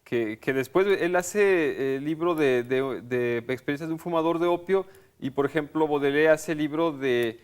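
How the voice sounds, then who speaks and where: A man's voice: on the high side, moderate pace, clear, resonant tone. A man co-hosts a cultural radio talk show, thinking aloud as he talks. His delivery is reflective and hesitant, full of small fillers and restarts, and he speaks into a studio microphone. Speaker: radio co-host.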